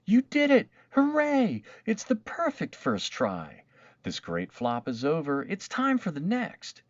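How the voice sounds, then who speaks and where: A man's voice: on the high side, huge pitch swings, takes it slowly, no room sound, highs cut off, voice pushed up, full character voice. A man voicing a spirited old great-great-aunt in a storybook, wistful at heart and encouraging. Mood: jubilant. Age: old woman. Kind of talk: storybook read-aloud character voice.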